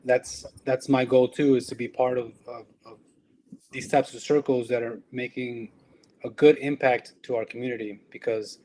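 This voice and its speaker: Man from El Salvador, tradesman guest, earnest and reflective, mid-pitched. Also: fairly even intonation, moderate pace, warm tone, slight background noise, low-quality recording. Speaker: electrician and business owner. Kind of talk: casual conversation.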